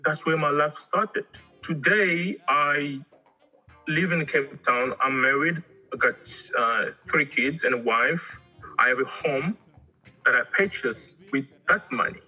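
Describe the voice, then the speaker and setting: Here the interviewee is an artist, a middle-aged man born in Angola and raised in Congo, chatting casually but haltingly and repeating words often. His fairly high, sharp voice has a breathy edge. The highs are cut off, and soft music plays underneath.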